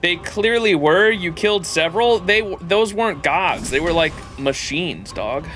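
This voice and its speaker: A male game streamer with a bright, fairly high voice chats casually as he plays. He is slangy, profane and irreverent, and faint music plays behind him. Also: expressive, normal speed. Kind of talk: casual gameplay commentary, reading dialogue aloud.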